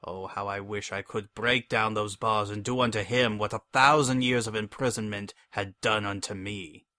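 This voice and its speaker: A man narrating a scripted story in a deliberate, hammy, theatrical manner, like a stage actor. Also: lowish voice, steady tone, bright, forceful tone, no echo, studio quality.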